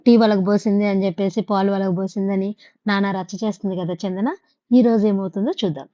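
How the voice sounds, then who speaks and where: A woman's voice: medium pitch, warm tone, dry recording. Woman narrating a storybook, dry close sound. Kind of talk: audiobook narration. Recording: dull lo-fi recording.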